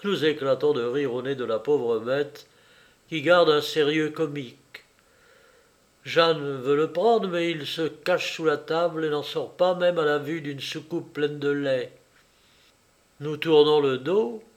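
A man reading a literary novel aloud in a measured, wry and reflective storytelling manner. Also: on the high side. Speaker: audiobook reader. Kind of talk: literary audiobook narration.

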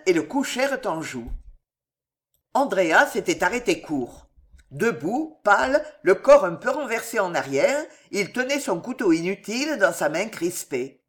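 A man narrating a classic novel as an audiobook, with an expressive, dramatic delivery. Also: sits high. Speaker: audiobook reader.

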